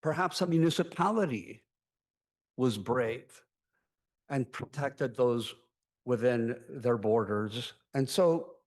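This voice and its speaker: A man in his sixties from Chile giving public comment at a city council meeting, speaking haltingly with many ums and pauses. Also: mid-range voice.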